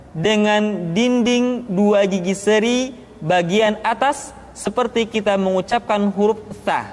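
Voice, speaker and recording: Brief: high-pitched male recitation teacher, unhurried drills, long echoing reverb. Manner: slow, deliberate, drawing out demonstrated syllables. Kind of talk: pronunciation lesson. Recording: long reverb, echoey room.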